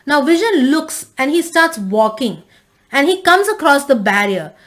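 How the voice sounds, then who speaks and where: A woman's voice: high voice, big pitch swings, a little slow. A woman casually recapping and reviewing a TV episode, rambling with frequent restarts and fillers.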